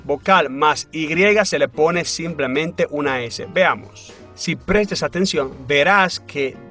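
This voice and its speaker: A man's voice: a little high, sharp tone, soft background music. A man teaching a grammar lesson in a scripted voice-over, explaining step by step and often asking questions before answering them. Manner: slow, deliberate explaining with rising questions. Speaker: English teacher.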